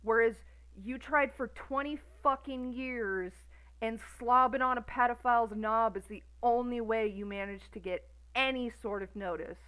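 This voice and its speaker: A woman's voice: fairly high pitch, normal speed, a bit bright, poor audio. A woman in her thirties ranting on a stream in a profane, sarcastic, exasperated way. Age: 30s. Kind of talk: casual ranting commentary.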